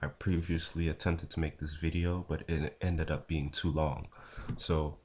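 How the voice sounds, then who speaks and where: A young man talking casually to camera in a low, unhurried, low-energy voice with a husky, just-woken sound. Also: flat delivery, darkish tone, slight background noise. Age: young adult. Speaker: vlogger, pre-med student. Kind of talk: casual talk to camera answering viewer questions.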